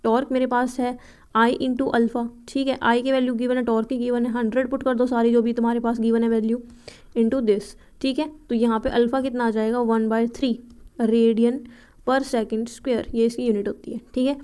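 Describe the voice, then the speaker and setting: Young woman tutoring physics, clear and bright. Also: fairly high pitch, level tone. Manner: repeats checks like "ठीक है" and asks herself questions before answering; reads English question text slowly, word by word. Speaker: physics tutor for nursing entrance exams. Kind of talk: explaining exam problems step by step.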